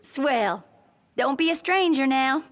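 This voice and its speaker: Cindy, perky Southern country gal. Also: female voice, sits high, lively intonation, slow. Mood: friendly, teasing. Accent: American Southern. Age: young adult. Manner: folksy, breezy, friendly drawl. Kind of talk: video game cutscene acting.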